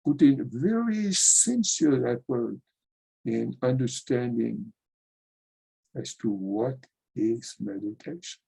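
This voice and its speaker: Slow, gravelly man giving a spiritual talk. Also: medium pitch, expressive, dark tone, poor audio. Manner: slow, earnest, addresses listeners as dear friend. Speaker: yoga teacher.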